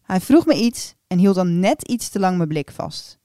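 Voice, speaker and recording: Female reader, lowish voice, intimate confiding delivery of an erotic story, dry close sound. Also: animated, moderate pace, warm tone, no room sound. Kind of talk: reading an erotic story aloud.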